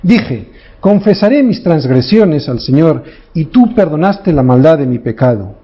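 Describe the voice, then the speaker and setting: A man's voice: on the high side, big pitch swings, unhurried, dull audio. A man preaching a sermon as pastor, in a preacherly way, often tagging his points with short questions to the congregation.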